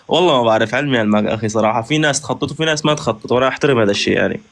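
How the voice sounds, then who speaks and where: A man's voice: mid-range voice, lively intonation, racing, fairly bright tone. A man joining a live chat as a guest. He is polite but hesitant and evasive. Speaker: reality show contestant. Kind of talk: casual call-in chat.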